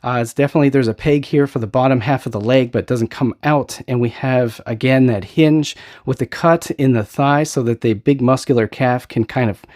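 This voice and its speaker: A man's voice: mid-range voice, fairly quick, hardly any pauses, a little mellow. A man hosting a casual toy unboxing review, talking with enthusiasm, rambling a little and often asking "right?" as he goes.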